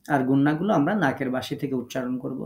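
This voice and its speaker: Echoey room, man teaching slowly. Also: mid-range voice, steady tone, vocal fry, darkish tone. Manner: patient, explains slowly step by step. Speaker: Quran recitation teacher. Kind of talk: online class lecture.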